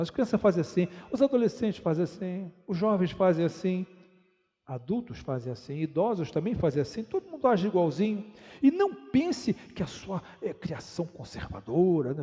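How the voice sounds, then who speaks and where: A high, mellow-voiced male pastor preaching in a church. He tells stories and fires off rhetorical questions, drawing out the words that matter. The sound is dull and rings with a long hall echo. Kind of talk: sermon.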